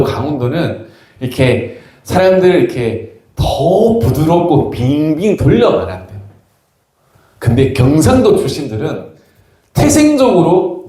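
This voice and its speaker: A male pastor delivers a sermon in a church sanctuary, his pitch swinging widely as he tells teasing, humorous stories. His voice is mellow and dark, and it rings through a very echoey hall. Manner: humorous anecdotal storytelling, teasing the congregation.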